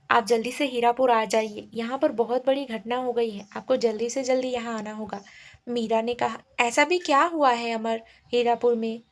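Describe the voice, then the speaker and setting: Woman storyteller, fairly high voice, reads out a love story, does all the parts herself. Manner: voices all characters in her own voice with small shifts. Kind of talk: reading a romantic drama story aloud.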